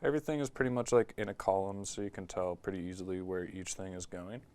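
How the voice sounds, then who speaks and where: A man's voice: low-pitched, fast talker, clean tone. A man casually walking through a music production tutorial in his studio, talking into a talkback mic with lots of "like" and "um". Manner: relaxed, filler-heavy explaining with frequent "like" and "um".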